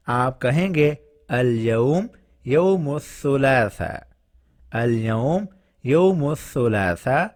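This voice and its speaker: Man slowly drilling vocabulary, fairly high voice. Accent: Pakistani Urdu. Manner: repeats words slowly and clearly for learners. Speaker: language teacher. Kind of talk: spoken vocabulary lesson.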